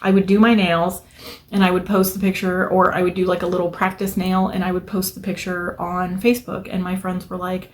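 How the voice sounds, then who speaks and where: A woman's voice: fairly low pitch, little pitch movement, a little fast. A young adult woman talks to camera from a room at home, her nail polish wall behind her. She rambles, restarts her sentences and leans on fillers. She sounds a little self-conscious. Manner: self-conscious, nervous hand habit. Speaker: nail art vlogger. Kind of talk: casual storytelling vlog.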